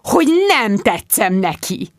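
A woman's voice: medium pitch, big pitch swings, dry recording. A woman voicing a heartbroken young man who wails theatrically and pities himself, in a dry, close reading. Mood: despairing. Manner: theatrical wailing, self-pitying.

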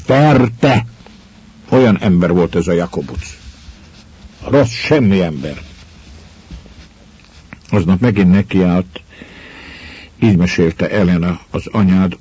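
An actor playing a brooding man who confesses a killing to his lover's child, in a grave, measured monologue that drops to hushed whispers. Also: low voice, husky. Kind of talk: dramatic monologue. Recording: dull lo-fi recording.

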